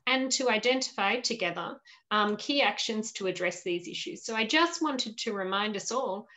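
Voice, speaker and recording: This is a webinar host, a woman in her forties leading an online panel session from a home room with shelves via a laptop webcam video call. She talks at a moderate pace in a mid-range, expressive voice with a sharp tone, staying upbeat and welcoming and using many fillers.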